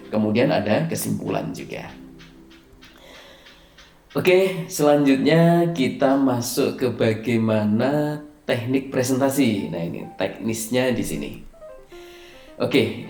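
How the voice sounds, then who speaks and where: Gravelly guy doing a slide lecture on presenting, lots of uh fillers, punches key words, echoey room. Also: mid-range voice, a little mellow. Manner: explanatory, hesitant fillers, stresses key words. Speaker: presentation skills trainer. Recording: echoey room, faint music underneath.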